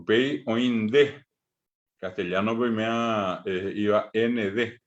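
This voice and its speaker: A man teaching a language class, slowly repeating sounds for students to copy. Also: on the low side. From Paraguay. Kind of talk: online language lesson. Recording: muffled lo-fi audio.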